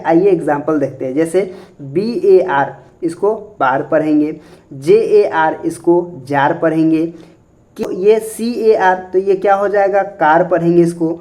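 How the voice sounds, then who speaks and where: A man's voice: high voice, a little mellow. Man, tutor-style pronunciation lesson, spells words aloud, answers his own questions, repetitive "okay". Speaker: English pronunciation teacher. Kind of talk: classroom-style spoken lesson.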